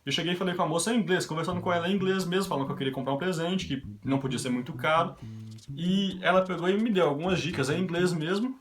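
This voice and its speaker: In a high voice and at a quick pace, a young Brazilian man recounts a series of everyday anecdotes for his vlog audience. The tone is chatty and casual, he quotes others in his own voice, and guitar music plays in the background.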